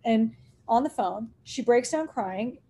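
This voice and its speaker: A middle-aged restaurant owner tells stories in an interview, her voice on the high side with lively intonation, a slow pace and a dark tone. She acts out quoted dialogue and laughs often, over a little hiss or hum.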